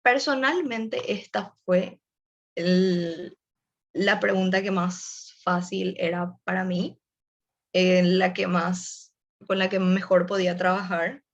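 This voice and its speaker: A woman's voice: lowish voice, steady tone, slow, muffled recording. A young woman gives a casual online webinar presentation, explaining tips and speaking directly to her audience. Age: young adult.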